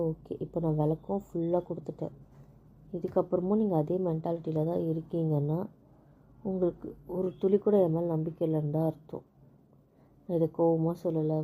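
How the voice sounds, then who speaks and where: A woman talking with her husband in a casual couple conversation, explaining things patiently and calmly. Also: on the low side, phone-quality sound. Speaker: wife.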